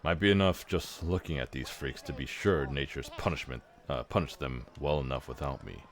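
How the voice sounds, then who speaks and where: A man voicing a gruff, sardonic male half-orc warrior in a fantasy game, with a deep, gravelly, drawling voice. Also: normal speed.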